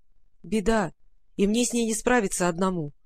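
A woman reading an audiobook, voicing a calm, earnest male fairy-tale friend who explains a worrying trouble. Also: mid-range voice, moderate pace, natural voice.

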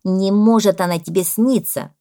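A woman voicing a fussy, self-important male parrot who talks loudly and lectures. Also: medium pitch, sing-song, normal speed, voice pushed up. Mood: stern. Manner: loud, bossy and lecturing.

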